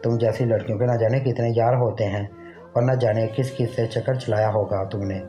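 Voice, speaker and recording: A man's voice: lowish voice, steady tone, a little fast, warm tone, faint music behind, lightly acted. A man reading a jealous, raging husband. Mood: angry. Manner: accusing. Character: jealous husband, violent and shouting. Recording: dull lo-fi recording.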